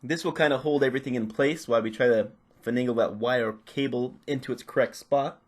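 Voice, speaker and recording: His mid-range voice moves fairly quickly as he walks through a hands-on repair. The man isn't following a script, just casually describing each step while doing the work.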